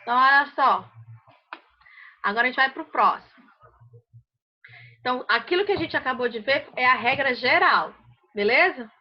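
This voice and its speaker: A woman's voice: sits high, animated, moderate pace, pauses often. A woman teaching an English grammar class in Brazilian Portuguese, explaining step by step and often checking that students follow. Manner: patient, checks understanding often. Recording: muffled lo-fi audio.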